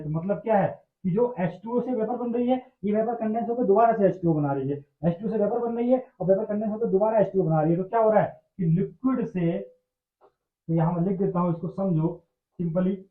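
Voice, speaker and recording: A male chemistry teacher, explaining a lesson, repeating phrases and asking and answering his own questions. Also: high-pitched. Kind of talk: classroom-style explanatory lecture. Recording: echoey room over tinny phone-like line.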